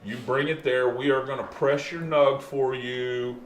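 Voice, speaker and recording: A man's voice: mid-range voice, steady tone, unhurried. Man, laid-back stoner host, casual slangy chat, sweary, roomy echo, faint noise. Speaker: host of a cannabis show.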